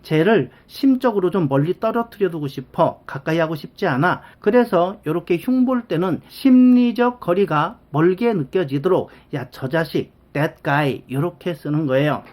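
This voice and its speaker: A chatty teacher explains grammar in a relaxed spoken lesson. The voice sits in a middle pitch, and the teacher slips into little acted-out quotes of everyday speech. Soft background music plays behind the talk.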